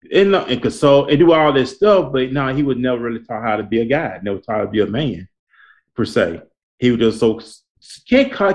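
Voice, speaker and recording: A man's voice: lowish voice, a little mellow. Exhorting male host, slightly dull recording. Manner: repetitive, exhorting, colloquial. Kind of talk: conversational talk, motivational preaching.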